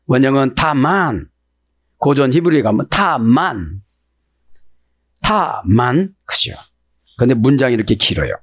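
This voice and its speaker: A male pastor preaching a sermon that explains the Hebrew text, who keeps prodding his listeners with quick questions. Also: mid-range voice, big pitch swings, no room sound, studio quality.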